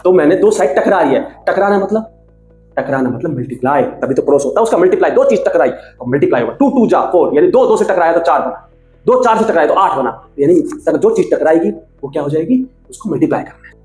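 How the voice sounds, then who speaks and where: Man, maths teacher, mellow tone, animated, faint background music. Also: on the high side, brisk. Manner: animated, asks and answers his own questions. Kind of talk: casual classroom explanation. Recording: echoey room with faint music.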